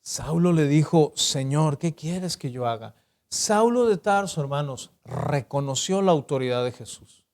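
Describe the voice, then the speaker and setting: A pastor with a Mexican Spanish accent delivers a sermon in a fairly high voice. He acts out the Bible dialogue with sudden pitch jumps and keeps checking in with the congregation. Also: animated, unhurried, a little mellow. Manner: asks the congregation "¿verdad?" and "¿sí?" often.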